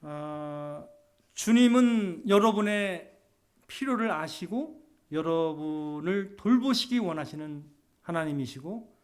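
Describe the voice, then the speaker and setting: A man's voice: expressive, slow. A middle-aged male pastor preaching a sermon. He keeps asking the congregation questions and answers them himself, and he acts out quoted speech. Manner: acts out quoted speech with shifting pitch and pace.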